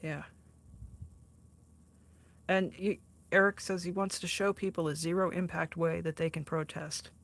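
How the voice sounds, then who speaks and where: A woman in her sixties chats casually on an art livestream, reading and answering viewer comments. She's chatty, laughs often, teases herself, and frequently restarts her sentences. Her fairly low voice has little pitch movement, with a measured pace and long pauses.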